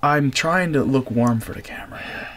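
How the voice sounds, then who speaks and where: A young man hosting a casual vlog, talking in hushed whispers while sneaking around at night, turning urgent and excited. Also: mid-range voice, moderate pace, a little hiss or hum. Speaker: vlogger host. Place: RV and yard at night.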